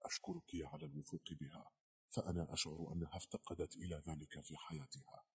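A man doing a gentle, quiet professor. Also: sits low, lively intonation, brisk, creaky, slightly rough, heavily acted.

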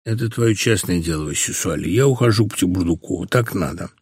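A man's voice: low-pitched, a little fast, husky, no room sound, studio quality, pitched below the performer's own voice. A man doing a curt, cool wife. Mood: flat. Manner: flat, curt, calm. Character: cool, irritated wife leaving her husband.

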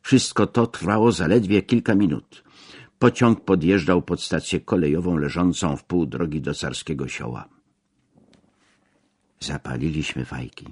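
A man reads a memoir aloud in the manner of an audiobook, in a deep, low voice with a husky, slightly rough edge. His telling is measured and unhurried, and it swells at the dramatic moments. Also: a little mellow. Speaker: narrator.

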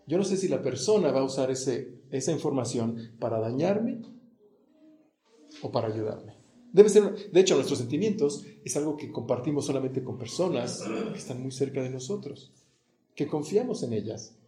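A man's voice: mid-range voice, lively intonation, moderate pace, dark tone, reverberant. A middle-aged man with a central Mexican accent preaching a sermon, talking conversationally and acting out quoted prayers and dialogue. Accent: central Mexican Spanish.

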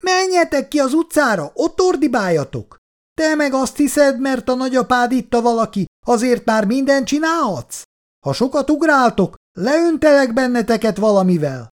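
A shrill, quarrelsome neighbor woman, high and sharp, snapping with lively rises and falls, as a male reader puts her on. She scolds and threatens without pause in a read-aloud tale. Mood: angry.

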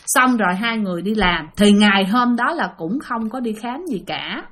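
A woman's voice: medium pitch, animated, normal speed, a bit bright. Chatty Southern Vietnamese woman telling ghost stories. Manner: chatty, addresses listeners often. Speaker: storyteller. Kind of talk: casual ghost-story telling.

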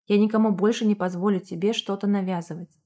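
A woman reading aloud, voicing a gentle, worried mother speaking to her daughter. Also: medium pitch, steady tone, fast, natural voice. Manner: soft-spoken. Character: gentle, worried mother who turns firm.

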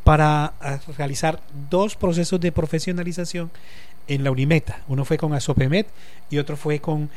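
A man in his fifties with a slightly higher-than-usual pitch and a Colombian Caribbean coast accent, a journalist and lecturer from that region, chats casually on the radio as a guest. He lays out long, reflective explanations with many pauses and small thinking fillers.

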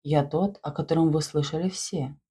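A woman voicing a mysterious male spirit from beyond the grave, speaking in slow, solemn phrases. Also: sits low, fairly even intonation, mellow, husky.

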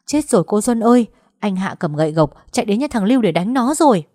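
A woman voicing a panicked young wife who pleads for help in a hurried voice. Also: medium pitch, lively intonation, darkish tone, no echo, studio quality, pitched above the performer's own voice, natural voice.

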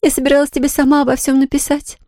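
A woman's voice: high voice, monotone, racing, mellow, no room sound, studio quality, pitched above the performer's own voice, close to an everyday voice. A woman voicing a distraught young woman who pleads in a trembling voice, near tears.

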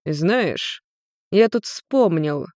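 A scatterbrained, joking male demon with a breezy, offhand way of talking, read by a woman in a low-ish voice. The sound is close and dry, with no room behind it. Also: expressive, very slow, a little mellow, dry recording. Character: carefree red-haired male demon, centuries old.

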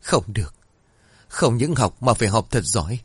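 A man's voice: on the low side, expressive, normal speed, breathy edge, dry recording. A man voicing a poor, devoted mother who pleads tearfully and speaks tenderly to her son. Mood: tender firm.

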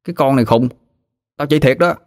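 A man's voice: medium pitch, a little fast, pitched above the performer's own voice, natural voice. A man voicing a chubby, joking village boy, offhand and lazy.

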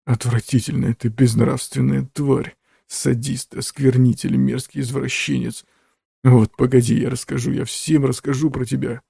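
Male narrator doing a raging, dying old man, slow and loud, rough gravelly voice. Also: mid-range voice, steady tone, no echo, clean studio sound. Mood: furious. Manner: shouting, slow, spitting accusations.

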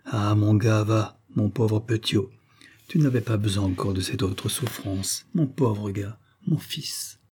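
A man voicing an old peasant mother who speaks to her son with rough tenderness in an audiobook. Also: lowish voice, slow, darkish tone, a little hiss or hum. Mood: tender grief. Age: older.

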